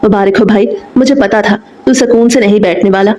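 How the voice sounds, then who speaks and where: A woman's voice: mid-range voice, fairly even intonation, fairly quick, warm tone, natural voice. A woman voicing a young man's joking best friend in a romance audiobook, talking in a teasing way.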